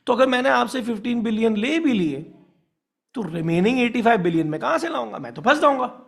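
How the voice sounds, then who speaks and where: A male business teacher delivers a classroom lecture. His voice sits high and has a gravelly edge. He explains through worked examples, often checks that students are following, and mixes in English terms. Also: lively intonation, fairly quick.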